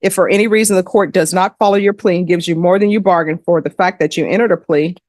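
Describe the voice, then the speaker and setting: A woman judge in a courtroom, reading legal admonishments and sentences in a measured, formal way. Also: fairly low pitch, a little mellow, no room sound, studio quality.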